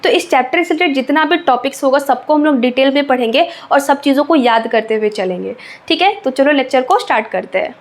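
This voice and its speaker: A young woman teaching an exam-prep biology lesson, slowly repeating key terms and checking in with her students. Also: high voice.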